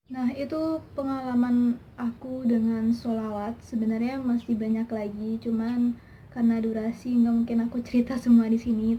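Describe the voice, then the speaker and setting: Chatty young woman, slightly higher voice. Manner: chatty and emotional, many fillers. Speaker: vlogger. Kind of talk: personal testimony vlog. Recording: slightly dull lo-fi sound with faint background hiss.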